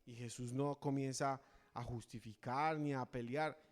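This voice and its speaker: A man's voice: medium pitch, fairly even intonation, measured pace. A man preaching a sermon in earnest, asking the congregation rhetorical questions. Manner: earnest, rhetorical questions, acts out voices of a crowd. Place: church. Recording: long church reverb.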